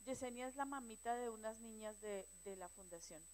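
A woman sharing earnestly with her church prayer group, telling a story with lively rhetorical questions. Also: fairly high pitch, brisk, rough recording. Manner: earnest, animated storytelling with rhetorical check-ins.

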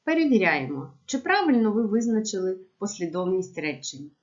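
A woman teacher giving a remote lesson to young pupils, with clear, measured instructions. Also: mid-range voice, very animated, lo-fi sound. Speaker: primary school teacher.

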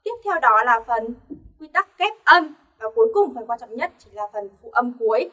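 Woman teacher, high and bright, patient online lesson, voice slightly off-mic. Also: lively intonation, moderate pace, distant mic. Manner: clear, patient explaining with rhetorical questions to learners. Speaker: Korean language teacher.

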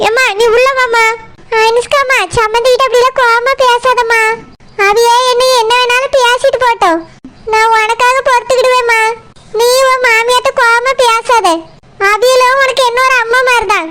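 A humble village mother of the bride , played by a woman, pleads and placates in a Tirunelveli Tamil accent. The voice is pitched extremely high, like a sped-up cartoon. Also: little pitch movement, moderate pace, sharp tone. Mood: soothing. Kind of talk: cartoon dialogue.

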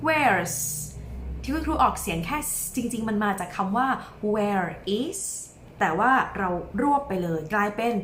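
Woman children's teacher: high voice, drawn-out bilingual coaxing, echoey room. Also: slight background noise. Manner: slow, drawn-out modelling of words for repetition; lively, sing-song coaxing of children. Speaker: English teacher for young children.

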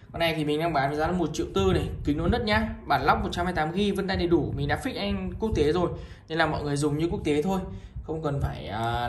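A man with a northern Vietnamese accent gives an informal, repetitive sales pitch as a shop seller, presenting items one by one to viewers. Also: a little hiss or hum. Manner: repetitive, item-by-item selling with frequent appeals to viewers.

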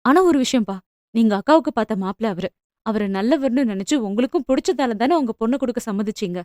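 A woman voicing a gentle but firm young daughter who speaks softly and earnestly to her father. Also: mid-range voice, dry recording, clean studio sound, natural voice.

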